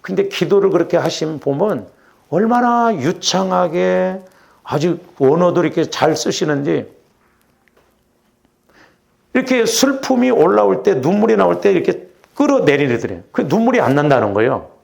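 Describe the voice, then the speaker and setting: Man, middle-aged, pastor, sermon, church sanctuary, conversational, slightly high voice, gravelly. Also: big pitch swings, normal speed, a little mellow. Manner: conversational, keeps asking the congregation "응?". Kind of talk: sermon at a Wednesday prayer service.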